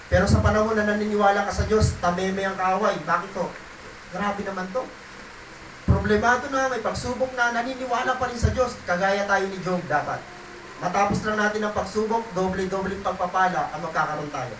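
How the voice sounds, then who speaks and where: A man preaching a Sunday sermon in a very high, bright voice that cuts through the room. He swings from loud, rising bursts to hushed, low passages. The sound is roomy and picked up from some distance, with faint noise underneath. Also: fairly quick. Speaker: pastor.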